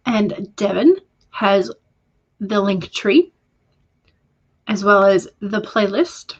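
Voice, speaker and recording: A woman's voice: medium pitch, slow pace, breathy edge, dull audio. A woman hosting a casual writing livestream, chatting and reading viewer comments aloud with frequent ums and self-corrections. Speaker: writing stream host.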